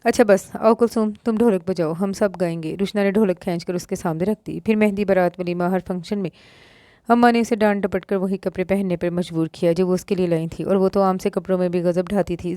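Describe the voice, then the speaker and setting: A woman with a Pakistani Urdu accent reading a romance novel aloud, voicing every part in the same even voice. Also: lowish voice, a little fast, no room sound, studio quality. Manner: reads all parts in one even voice, lifting slightly for quoted lines. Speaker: novel narrator.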